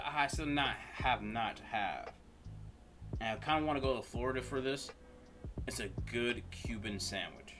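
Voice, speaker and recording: Male reaction host, casual rambling commentary, very bright tone, faint music behind. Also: mid-range voice. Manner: rambling, self-correcting.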